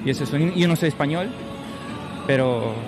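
A man's voice: a little high, normal speed, music in the background. A man from Italy, a protester giving a hesitant street interview and repeating words as he goes. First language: Italian.

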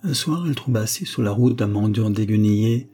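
A male audiobook narrator reading an old fairy tale at an even, measured pace. His voice is mellow and warm, with a soft husky grain, and stays calm and unhurried. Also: fairly low pitch.

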